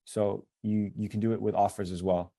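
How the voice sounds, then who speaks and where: A man's voice: lowish voice, little pitch movement, a little fast, warm tone. A man acting as a business coach on a video call, giving casual, direct advice.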